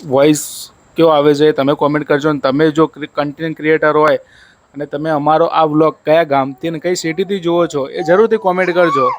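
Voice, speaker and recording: A man's voice: on the high side, fairly even intonation, fairly quick, slight background noise, rough recording. A young man chatting casually in a family vlog at home at night, coaxing his small child in between. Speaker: vlogger. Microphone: handheld mic.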